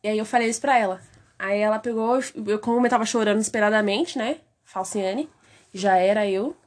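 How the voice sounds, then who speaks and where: A woman's voice: mid-range voice, fairly quick. A young woman, co-hosting a podcast and telling childhood stories with lots of laughter. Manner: giggly, animated storyteller. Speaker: podcast co-host. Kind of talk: casual podcast chat.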